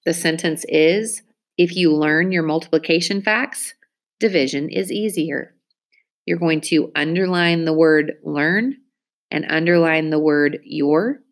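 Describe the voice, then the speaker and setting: A woman teacher giving a spelling test, reading each word clearly and using it in an example sentence. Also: low-pitched, unhurried. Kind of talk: spelling dictation lesson.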